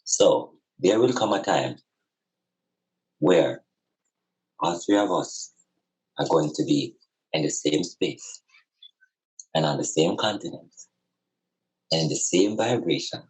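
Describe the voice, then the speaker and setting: Heard through a rough recording, a podcast guest on spirituality and community speaks slowly and animatedly in a rumbling low voice, pausing often. His talk is casual, reflective reasoning about life, earnest and emphatic, with repeated phrases for weight.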